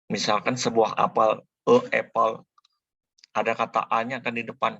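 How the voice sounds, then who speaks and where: A man teaches in a slow, unhurried tutorial voice, low and gravelly with a husky edge. He delivers it flatly and keeps repeating each sound with patience. The recording is dry and a little dull. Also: no room sound. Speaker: language teacher.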